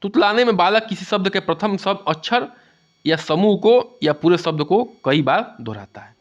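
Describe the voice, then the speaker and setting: A man's voice: high voice, expressive, normal speed. A man giving an exam-prep lecture and explaining things with a lot of repetition, often asking "theek hai". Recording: dull lo-fi sound.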